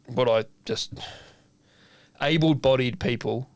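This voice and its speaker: Australian man, chef co-host, casual chat, animated storytelling, acts out quotes, swears a lot, dry close sound. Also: medium pitch, slow, dry recording. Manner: animated storyteller acting out both sides of a conversation; swears freely.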